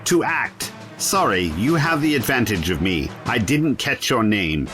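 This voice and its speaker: A man's voice: mid-range voice, sing-song, a little slow, fairly bright tone, faint music behind. A man playing a bold, eccentric adventurer in an audio drama, with a flippant, teasing, theatrical manner. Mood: cheeky, defiant. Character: bold, cheeky, eccentric adventurer, a time traveller.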